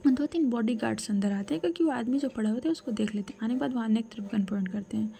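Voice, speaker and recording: A young adult woman telling a serialized love story in a soft, breathy, half-whispered voice, with casual asides to the listener. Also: fairly high pitch, fast talker. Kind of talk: hushed serialized story narration.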